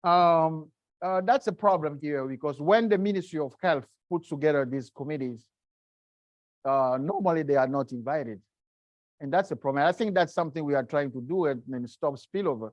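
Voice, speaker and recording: A middle-aged man, a guest speaker, answering seminar questions in a halting way, often searching for words. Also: fairly high pitch, dry recording, lo-fi sound. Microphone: video call.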